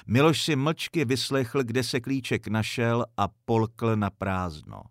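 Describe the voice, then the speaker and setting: A man narrating a story in a calm, measured audiobook reading. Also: mid-range voice, no room sound, clean studio sound.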